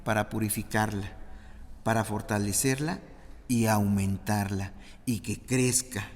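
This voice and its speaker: A man's voice: lowish voice, fairly even intonation, unhurried, a little mellow. A man with a Mexican Spanish accent preaching a sermon in a church, acting out the voices of Bible figures as he tells them. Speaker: pastor. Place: church hall. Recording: reverberant church hall.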